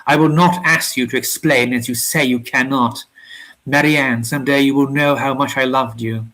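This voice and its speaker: A man's voice: mid-range voice, fairly even intonation, normal speed, sharp tone, poor audio. A man voicing a heartbroken young man who pleads with emotion, in a storybook reading. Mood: sad pleading.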